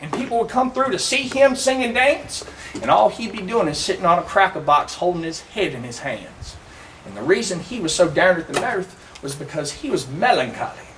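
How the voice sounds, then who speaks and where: A man's voice: high voice, expressive, recorded from a distance, background noise. A man with a Southern American accent, a living history reenactor telling a first-person tale outdoors in a folksy, teasing way, chatting with his audience. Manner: folksy, teasing, drawn-out delivery with audience asides.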